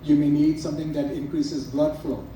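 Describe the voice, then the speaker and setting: A man's voice: fairly high pitch, fairly even intonation, moderate pace, mellow. Earnest man speaking in an echoey hall. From Trinidad and Tobago. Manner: earnest, emphatic, lists items one by one. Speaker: naturopath speaking at a product event. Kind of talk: promotional speech to a live audience. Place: event room with an audience. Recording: echoey room from far off with faint noise.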